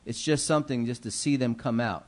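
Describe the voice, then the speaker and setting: A middle-aged man serving as city commissioner talks fairly quickly in a mid-range voice, giving holiday remarks that are earnest, preacherly and full of fillers. He is seated at a council chamber dais using a gooseneck desk mic.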